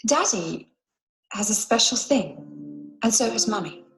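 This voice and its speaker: An actress playing a gentle mother who slowly and awkwardly explains the facts of life to her small child. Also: mid-range voice, animated, faint music behind, poor audio. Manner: slow, patient, hesitant and softly awkward. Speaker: mother in a film scene.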